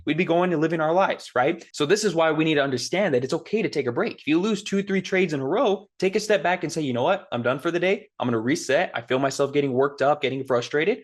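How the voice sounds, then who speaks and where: Fast-talking motivational man. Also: mid-range voice. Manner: fast, repetitive, peppered with "right?" and "guys". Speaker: podcast host. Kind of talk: motivational solo talk.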